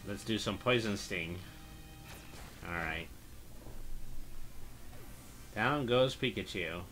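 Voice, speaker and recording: A man giving casual, relaxed commentary while he plays a video game, thinking aloud as he goes. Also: on the low side, takes it slowly, soft background music. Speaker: streamer.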